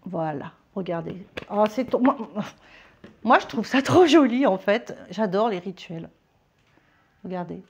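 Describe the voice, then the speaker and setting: A woman vlogger walking viewers through a ritual step by step, chatty, constantly checking in with quick little questions. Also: medium pitch, vocal fry, a little mellow, husky. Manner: chatty, keeps checking in with "ok?" and "d'accord?"; slips between formal and familiar address. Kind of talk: casual how-to demonstration. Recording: dull lo-fi home recording.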